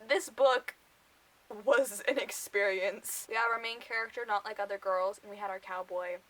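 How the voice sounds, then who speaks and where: A woman's voice: mid-range voice, steady tone, moderate pace, a bit bright, low-quality recording. A young woman casually reviewing books for her vlog, chatty and full of filler words, often breaking into laughter. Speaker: book vlogger.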